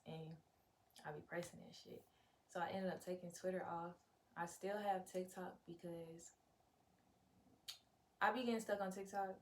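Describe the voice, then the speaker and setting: A young woman vlogs to her viewers in a fairly low, somewhat dark voice, rambling freely in slang and swearing a lot. There's clear background noise and room ambience in the recording.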